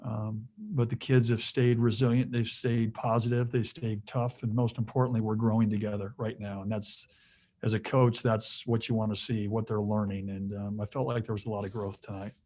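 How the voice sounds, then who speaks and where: A man's voice: fairly low pitch, flat delivery, normal speed, dark tone. A male head basketball coach answering questions at a postgame press conference, rambling with lots of fillers and restarts, joking now and then.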